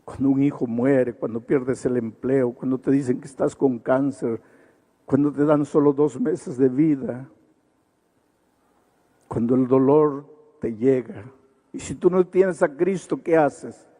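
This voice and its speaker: Pastor predicador, voz oscura y grave, apasionado con subidas enfáticas repentinas. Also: male voice, a little slow, warm tone. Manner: impassioned, swings to sudden high emphatic peaks; repetitive rhetorical lists. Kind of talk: evangelistic sermon with storytelling.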